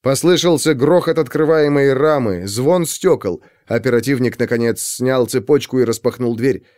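A man narrating a crime story as a scripted audiobook, in an expressive, dramatic way. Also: medium pitch, normal speed, no echo, studio quality.

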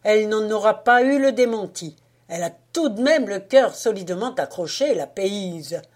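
A woman reading the part of a boisterous, mocking male sailor, with loud, hearty exclamations, in an audiobook. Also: medium pitch, lively intonation, unhurried, breathy edge. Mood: exultant.

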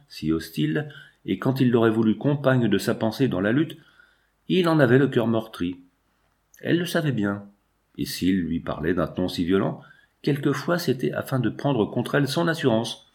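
A man narrating a novel in a steady, literary reading style. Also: mid-range voice, moderate pace.

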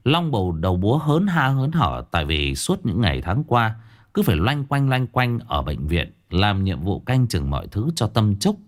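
A man narrating a ghost story in an expressive way. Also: fairly low pitch, moderate pace.

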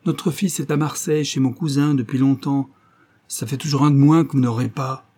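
A man reading an audiobook, voicing a dignified husband who speaks calmly and steadily. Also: mid-range voice, pitched above the performer's own voice, close to an everyday voice. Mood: calm defiance. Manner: calm, steady, measured. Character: calm dignified husband facing arrest.

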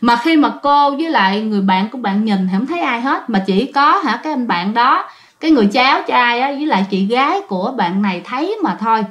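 A woman's voice: fairly high pitch, animated, quick pace, a bit bright, dull audio. A woman, telling ghost stories in a chatty way and talking straight to her listeners. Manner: chatty, addresses listeners directly. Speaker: storyteller. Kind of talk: casual ghost-story narration.

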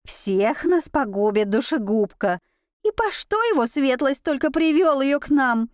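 A woman's voice: lively intonation, measured pace, no room sound, studio quality. A woman voicing a frightened, superstitious young servant girl who shrieks and wails. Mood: wailing. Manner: shrill and wailing.

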